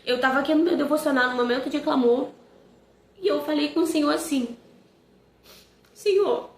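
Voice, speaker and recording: Young woman, high voice, emotional testimony, roomy echo and a little hiss. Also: normal speed. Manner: earnest, emotional storytelling with many "sabe?". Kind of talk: personal testimony. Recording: echoey room with faint noise.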